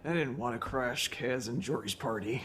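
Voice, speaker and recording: An actress playing a shy, friendly female adventurer in a video game, with a halting, bashful manner. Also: very deep voice, a little hiss or hum. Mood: bashful, happy.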